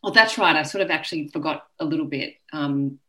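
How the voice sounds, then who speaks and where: A woman's voice: deep voice, a little fast, sharp tone, poor audio. A woman in her early forties, a guest author frankly telling a personal story and acting out the voices of people she quotes. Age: early 40s.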